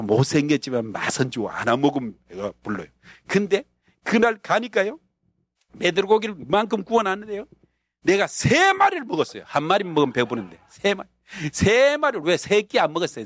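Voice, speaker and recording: A North Korean pastor and missionary with a North Korean accent tells a story in a sermon, acting out scenes with bursts of shouting and laughter. His fairly high voice swoops wildly in pitch, moves briskly, and has no room sound.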